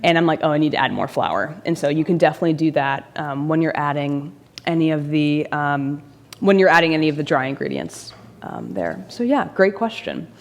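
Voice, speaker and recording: A woman's voice: low-pitched, expressive, fairly quick. Woman demonstrating baking in a reverberant room. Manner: friendly, answers questions by name, laughs easily. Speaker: presenter demonstrating baking at a church forum. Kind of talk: casual demonstration with audience Q&A. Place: church forum room with audience.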